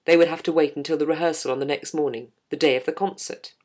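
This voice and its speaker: A woman with a notably low voice reads her story at an even, measured pace. Her delivery is wry and anecdotal, like a scripted podcast piece. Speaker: choir singer telling a story. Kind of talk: scripted narration.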